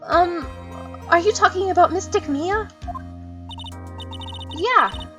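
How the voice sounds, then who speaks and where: A woman's voice: slow, distant mic, over music. A woman voicing a timid, sweet little girl in a visual novel game. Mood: shy. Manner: small, hesitant, high.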